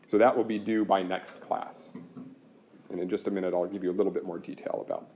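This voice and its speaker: A man's voice: low-pitched, fairly even intonation, a little fast, darkish tone, a little hiss or hum. A man teaching a university class, explaining course logistics step by step in a practical, chatty way. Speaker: university instructor. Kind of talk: classroom lecture.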